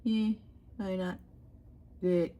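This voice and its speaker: A woman's voice: mid-range voice, steady tone, drawn-out words, warm tone, dull audio. A woman vlogger chatting casually about makeup, rambling with lots of fillers and restarts. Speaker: beauty vlogger.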